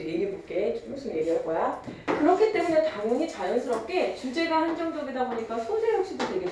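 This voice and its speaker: A woman's voice: a little high, very echoey, distant mic, background noise. A young woman teaching a literature lecture, chatty and teasing, mixing casual and polite speech. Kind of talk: online lecture.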